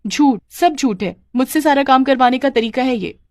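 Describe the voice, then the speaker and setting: A woman's voice: a little high, a little fast, no room sound, natural voice. A woman voicing a kind, hardworking young bride in a cartoon story, who speaks politely and earnestly.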